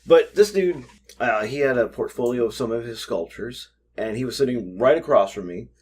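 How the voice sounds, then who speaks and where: A husky-voiced man in his forties, co-hosting a loose, unscripted chat. His voice sits at an ordinary middle pitch, and he rambles through jokey stories full of asides. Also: animated, normal speed, a little mellow. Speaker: podcast co-host.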